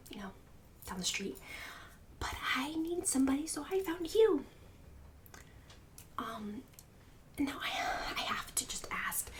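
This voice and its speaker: A woman with a slightly high voice whispers and speaks softly in an ASMR roleplay as a snobbish, bossy suburban book club hostess, condescending and catty with fake-sweet insults. She's far from the mic, and there's slight background noise.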